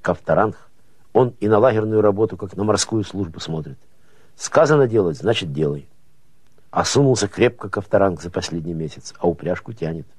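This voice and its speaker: A man narrating prose as an audiobook, with expressive folksy storytelling rhythm. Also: low voice, moderate pace, breathy edge, no room sound.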